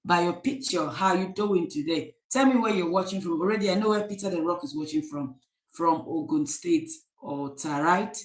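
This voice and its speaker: Nigerian woman, live-stream host, lowish voice, echoey room, chatty with many ums. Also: moderate pace. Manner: chatty, greets viewers by name, many fillers. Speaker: livestream host. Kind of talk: casual live-stream chat.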